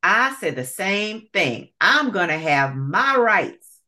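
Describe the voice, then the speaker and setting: A woman voicing a quarrelsome bad male alligator in a storybook, loud and bickering. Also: mid-range voice, sing-song, unhurried, pitched above the performer's own voice. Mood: squabbling.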